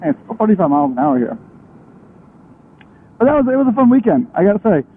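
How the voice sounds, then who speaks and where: A young motorcycle vlogger rambles casually as he rides, talking fast in a high, husky, very animated voice that keeps interrupting itself. His helmet microphone muffles him, giving a thin, radio-like sound.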